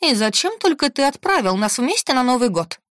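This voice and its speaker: A woman voicing a fiery, indignant cook who rattles on in a shrill voice. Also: very animated, brisk, a bit bright, dry recording, clean studio sound.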